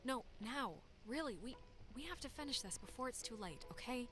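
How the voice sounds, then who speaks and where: A woman's voice: fairly high pitch, animated, a little fast, lightly acted. An actress playing a wry, level-headed teenage girl in a video game, with hesitant, conversational phrasing. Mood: gently urging. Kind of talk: naturalistic video game dialogue. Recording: loud music behind the voice.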